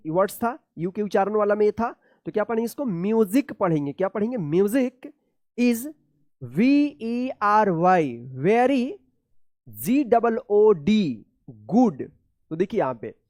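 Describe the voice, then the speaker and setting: Give me a slow-paced woman teaching reading, spelling each word out and quizzing the listener on it. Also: fairly high pitch, darkish tone, dry recording, studio quality. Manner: spells words letter by letter, then repeats them slowly; keeps asking the listener how a word is read. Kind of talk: classroom-style reading lesson.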